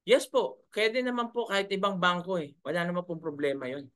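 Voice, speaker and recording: Bright-voiced man coaching a webinar. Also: high voice, fairly even intonation, brisk. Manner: chiding, rhetorical, keeps asking "right?". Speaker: webinar coach for online sellers. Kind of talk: live webinar talk, reading viewer comments.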